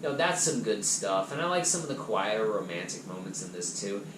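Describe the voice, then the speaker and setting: A man chatting casually and enthusiastically as he reviews movies from his collection on a vlog, his loudness swinging up and down. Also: on the low side, sing-song, brisk. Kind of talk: casual chat. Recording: echoey room with background noise.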